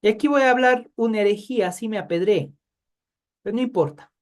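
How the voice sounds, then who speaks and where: A man's voice: high-pitched, a little fast. A man teaching a Bible study class in a conversational way, asking his students questions and addressing them by name.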